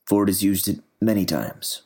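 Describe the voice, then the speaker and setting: A curt army general with a low, steady voice, read by a male narrator. He speaks plainly and briskly, without much color.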